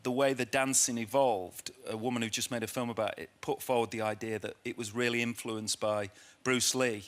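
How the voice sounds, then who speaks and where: A man's voice: mid-range voice, steady tone, brisk. A man, a guest actor telling self-mocking stories on a talk show. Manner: warm, self-mocking anecdotes. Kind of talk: chatty studio interview. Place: TV studio with audience.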